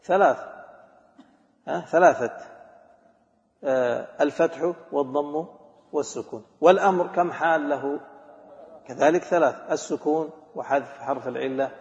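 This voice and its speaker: A somewhat high, slightly mellow male voice leads a class lecture on a grammar text at a moderate pace, pausing often. The teacher fires questions, repeats examples, and switches between formal Arabic and colloquial speech, his voice echoing with a long reverb tail through a large hall in a dull, lo-fi recording.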